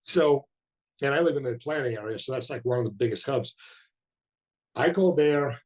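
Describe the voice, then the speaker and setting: A man born in Bulgaria who grew up in the United States, hosting a casual interview and talking in animated bursts. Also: mid-range voice, moderate pace. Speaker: host.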